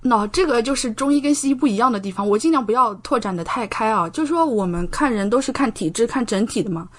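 A woman in her thirties from China, a doctor studying abroad, appears as a podcast guest in a casual conversational interview. She explains and recounts things chattily, often using tag questions, in a slightly high voice that's fast with lively intonation.

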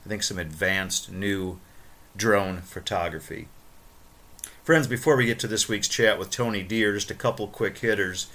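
A man's voice: on the low side, steady tone, moderate pace, bright, forceful tone. A man hosting a podcast monologue, talking in a playful, wordy and emphatic way. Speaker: podcast host.

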